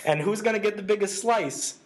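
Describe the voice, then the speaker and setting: A man's voice: high voice, fairly quick. A man co-hosting a casual gaming chat show, talking at length with a sarcastic, lecturing manner. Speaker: podcast co-host.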